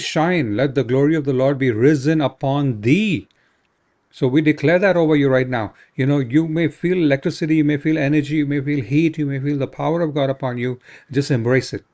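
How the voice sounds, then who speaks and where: A man's voice: mid-range voice, a little mellow. A man ministering in prayer, fervent and exhorting, often tagging his sentences with "right?".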